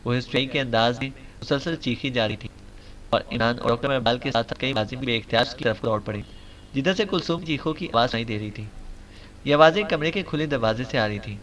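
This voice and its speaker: A man narrating a novel audiobook in a steady, even storytelling manner. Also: medium pitch, rough recording.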